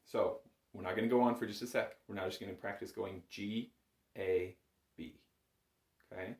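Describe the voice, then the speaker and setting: Heavy background noise accompanies a man's low, steady voice as he teaches bagpipes at normal speed. The lesson is conversational, patient and encouraging, laid out step by step in a small, echoey home music room.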